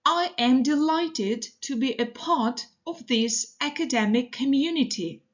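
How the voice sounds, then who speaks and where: Woman English teacher with a high voice, reading example phrases slowly and steadily for learners. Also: lo-fi sound. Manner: slow, deliberate, evenly paced reading. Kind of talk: reading model sentences for learners.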